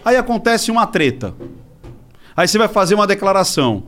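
Male expert guest, slightly raised pitch, conversational explainer who checks he is being understood. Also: very animated, fairly quick, a bit bright. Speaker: interview guest, body language specialist.

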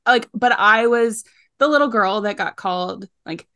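A woman's voice: mid-range voice, normal speed, fairly bright tone. A woman podcast host in casual chat, telling a personal story in a chatty way with frequent fillers.

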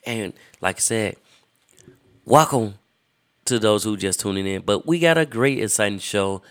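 A man hosting a live show like a ringmaster, announcing in a drawn-out, emphatic showman's manner. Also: lowish voice, a bit bright. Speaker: sports and music show host.

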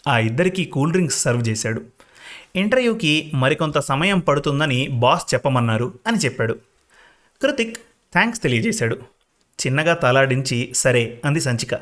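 A man reading a story aloud as narrator in a measured, even manner. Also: fairly high pitch.

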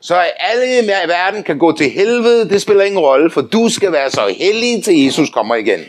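An older man preaching a sermon, telling lively anecdotes, often laughing and calling on listeners to say amen. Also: high voice. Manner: animated storytelling, often laughing, calls for amens.

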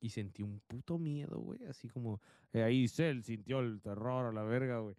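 Mid-range in pitch and speaking at normal speed, a Mexican-accented man in his thirties sounds a little mellow, clear, and resonant as he co-hosts a podcast. His casual storytelling is slangy and punctuated by swearing and laughter, captured on a dry, clean studio recording.

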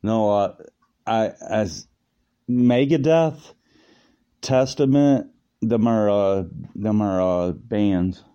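A man hosting a casual interview in a halting, laid-back stoner way, trailing off as he goes. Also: on the low side, mellow, clean tone. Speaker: interview host. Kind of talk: casual, loose interview chat. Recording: dull, lo-fi sound.

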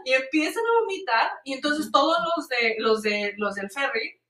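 Bright-voiced woman telling stories. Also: sits high, moderate pace, roomy sound, distant mic. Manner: animated anecdotes with many fillers. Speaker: storyteller in a chat. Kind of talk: casual chat.

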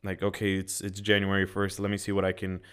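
A man's voice: deep voice, completely flat delivery, quick pace, a bit bright, smooth. A man in casual podcast chat, emphatic and full of "like", with some swearing. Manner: emphatic, frequent filler "like", occasional swearing. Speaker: podcast co-host.

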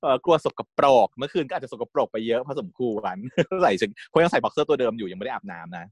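A man retells a series episode in a loose, chatty way, giggling often and putting on the characters' lines. His pitch sits in the middle of the range. The sound is close and dry, with no room around it. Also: sing-song, fast talker, slightly rough, no echo. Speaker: series recap host. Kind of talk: casual storytelling recap.

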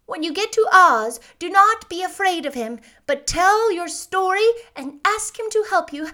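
A woman's voice: extremely high pitch, lively intonation, measured pace, bright, forceful tone, pitched above the performer's own voice, exaggerated voice. A woman voicing a kind, solemn little old witch in a storybook reading. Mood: kindly, advising. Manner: solemn, instructive.

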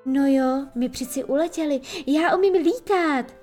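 A woman's voice: high voice, animated, a little mellow, faint music behind, voice pushed up. A woman voicing a sleepy, whiny little boy. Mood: whiny, excited. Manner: whiny, bouncy.

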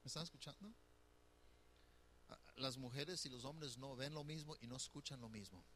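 A man's voice: medium pitch, moderate pace, fairly bright tone, slight background noise. A middle-aged man preaching a conversational sermon as pastor, teasing his listeners and putting questions to them. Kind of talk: sermon on marriage.

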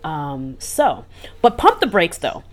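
Speaking slowly in a low, sing-song voice, a woman shares stories as co-host of a laid-back podcast. Her style is conversational and chatty, broken up by emphatic asides.

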